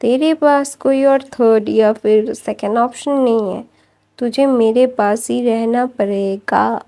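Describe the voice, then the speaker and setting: A woman's voice: a little high, steady tone, takes it slowly, dark tone. Woman voicing a bossy possessive young man. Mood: insistent.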